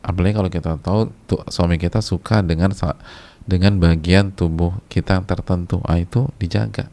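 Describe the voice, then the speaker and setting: A man delivers a casual sermon to a women's congregation in a low, dark-toned voice with a gravelly edge. He repeats his key phrases for emphasis and mixes in Arabic. His chatty colloquial asides keep the preaching conversational. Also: steady tone, brisk. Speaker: Islamic preacher.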